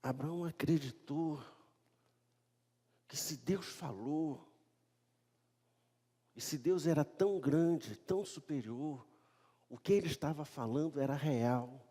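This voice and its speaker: A man with a Brazilian Portuguese accent preaching a sermon as a pastor. He reads scripture loudly, then tells the story in a casual, joking tone. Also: a little high, takes it slowly, pauses often. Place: church sanctuary. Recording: long church reverb.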